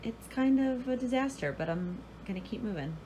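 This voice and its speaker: A woman's voice: fairly high pitch, lively intonation, moderate pace, music in the background. An American woman talking casually to her vlog audience in an informal, rambling way, often correcting herself as she goes. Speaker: vlogger. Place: indoors at home.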